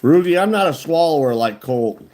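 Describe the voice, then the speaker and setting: A man's voice: fairly high pitch, lively intonation, moderate pace, darkish tone. Guy talking with a lip full of dip. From United States. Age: 40s. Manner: talks with a lip full of chewing tobacco; blunt, profane, folksy. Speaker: livestreamer chatting with viewers. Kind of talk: casual chat.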